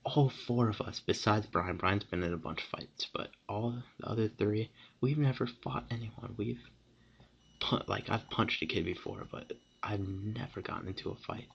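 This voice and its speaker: A teenage boy vlogger telling a story to camera in a rambling, excited way, with many restarts and fillers. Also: lowish voice, normal speed, vocal fry, breathy edge, highs cut off.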